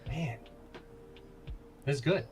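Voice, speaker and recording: A man's voice: fairly high pitch, lively intonation, slow. A man who is a guest on a live show, chatting casually and jokingly, with a tinny, thin sound because he is not using his mic. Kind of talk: casual chat. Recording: tinny distant mic with crowd noise behind.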